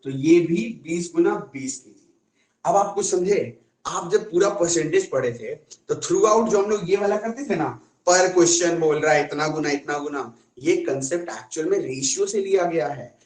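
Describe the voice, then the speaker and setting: A man's voice: on the high side, moderate pace, a little mellow, reverberant, rough recording. A man teaching a casual online maths class in a chatty way, often asking his students questions.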